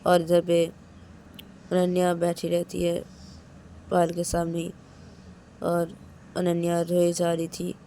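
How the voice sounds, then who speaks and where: A woman's voice: fairly low pitch, monotone, takes it slowly, pauses often, dark tone, slight background noise. A woman narrating a story, repeating phrases and acting out the dialogue with feeling. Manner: emotional, repetitive, acts out dialogue.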